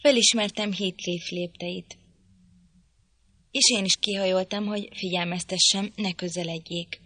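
Woman reading an audiobook, calm and measured, dry close studio mic. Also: fairly low pitch, breathy edge, no room sound. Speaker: audiobook narrator. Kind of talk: scripted narration.

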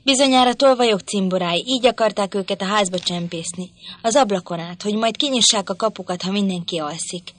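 A woman voicing a blustering male servant who loudly accuses others in an audiobook. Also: medium pitch, a little hiss or hum, lightly acted. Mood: outraged. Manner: loud, accusing.

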